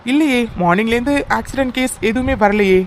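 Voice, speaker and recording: A brisk, self-assured cartoon chief doctor, as a voice actor plays the part, dismissive and certain of every fact. The voice is mid-pitched with a light hiss of background noise. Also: natural voice. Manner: brisk and dismissive, mixes English phrases. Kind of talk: cartoon voice acting.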